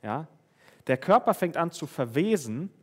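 A man's voice: on the high side, sing-song, measured pace. A man giving a sermon, reading Bible verses and talking with the congregation in a conversational way, often asking them questions. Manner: conversational, asks the listeners questions. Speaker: preacher.

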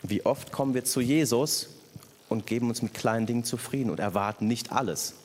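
This sermon comes from a man with a slightly mellow, mid-range voice who talks briskly and with emphasis. Telling personal stories, he speaks straight to the congregation, and the recording has the echo of a hall with a little faint noise.

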